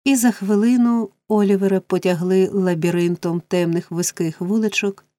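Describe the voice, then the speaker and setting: A woman reading a classic novel aloud as audiobook narration, steady and expressive. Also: mid-range voice, normal speed, dry recording.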